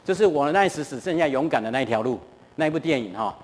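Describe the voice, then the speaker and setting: A middle-aged man with a Taiwanese Mandarin accent, giving a lively storytelling talk at a church and often asking the audience questions. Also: mid-range voice, fast talker. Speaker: guest lecturer at a church. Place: church hall. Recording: reverberant church hall.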